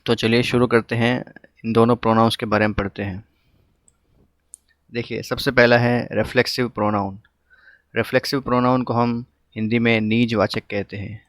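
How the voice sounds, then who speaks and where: A man's voice: mid-range voice, flat delivery, normal speed, fairly bright tone, no room sound. A man teaching an online English grammar lesson, explaining patiently with frequent filler sounds.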